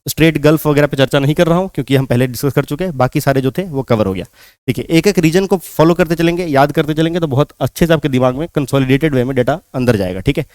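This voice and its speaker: A man's voice: a little high, fast, darkish tone, dry recording. A man teaching a geography lesson for exam preparation, walking through a map and repeating what students must remember. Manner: repetitive, keeps asking if students follow.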